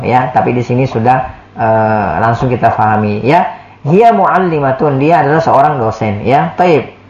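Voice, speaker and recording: A man's voice: mid-range voice, a little mellow, a little hiss or hum. Patient male Arabic teacher, echoey room. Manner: patient, repeats words and says "ya" often. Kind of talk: classroom lesson, explaining Arabic in Indonesian. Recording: echoey, dull lo-fi room recording.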